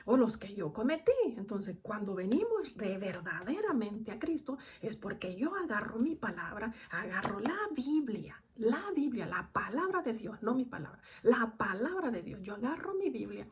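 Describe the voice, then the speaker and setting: A woman preaching a sermon and reading from the Bible, emphatic, repeating phrases and swinging between loud and hushed. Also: medium pitch, big pitch swings, normal speed, few pauses, a little hiss or hum.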